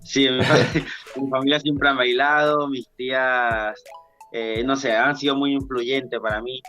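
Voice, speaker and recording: A man's voice: medium pitch, level tone, measured pace, bright, forceful tone, soft background music. A man in his thirties from Ecuador with an Ecuadorian accent, a dancer chatting as a podcast guest, rambling with many restarts. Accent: Ecuadorian Spanish. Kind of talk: casual podcast interview.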